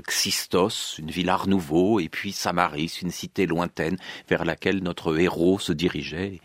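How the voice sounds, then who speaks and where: A man, a comics writer answering in an interview, telling the story of his work calmly and fluently. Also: deep voice, dry recording, clean studio sound.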